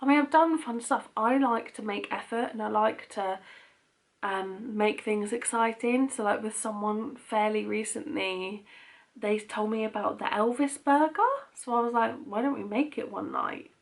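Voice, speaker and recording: Creaky-voiced young British woman, chatty. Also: fairly high pitch, measured pace. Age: young adult. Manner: candid, rambling, frequent "like". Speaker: vlogger. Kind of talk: casual chatty Q&A to camera.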